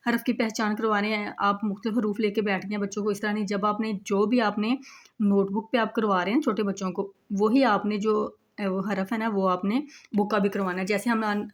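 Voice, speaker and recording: Patient woman teaching letters step by step. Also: medium pitch. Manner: patient, repeats "look" while showing each step.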